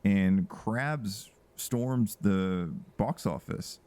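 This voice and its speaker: A man's voice: fairly low pitch, very slow, dark tone, clear, resonant tone. A man co-hosting a podcast, chatting casually about a film and laughing often. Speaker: podcast co-host. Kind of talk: casual movie review chat.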